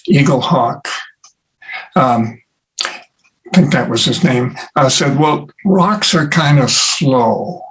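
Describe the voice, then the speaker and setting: A man who is an interview guest, telling stories in an unhurried way with many pauses and fillers. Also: medium pitch, low-quality recording. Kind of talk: casual conversation.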